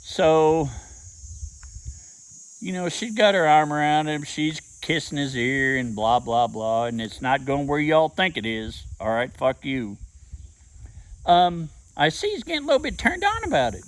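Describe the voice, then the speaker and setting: A man's voice: a little high, big pitch swings, low-quality recording. A man telling a rambling, profane story in a casual rant. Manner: profane, rambling, drawn-out delivery. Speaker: vlogger.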